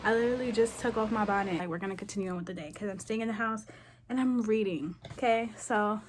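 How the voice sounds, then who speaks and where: Talking fast in a mid-range voice, this twenty-something book vlogger from New York chats her way through a reading vlog indoors at home. Her phone camera picks up a noisy background, and she sounds sniffly and congested as she wanders into slangy, rambling asides.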